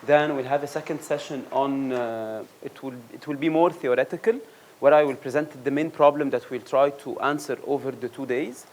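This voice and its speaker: Man, workshop instructor, halting lecture style, lots of fillers and restarts, mid-pitched voice, workshop room. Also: a little hiss or hum. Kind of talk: lecture introduction.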